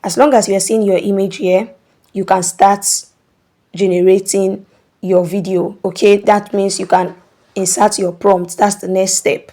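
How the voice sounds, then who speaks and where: A woman's voice: mid-range voice, level tone, measured pace, mellow. A woman hosting a screen-recording tutorial, explaining steps patiently and checking in with "okay?". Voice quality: instructive, repeats "okay?" to check in. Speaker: tutorial host.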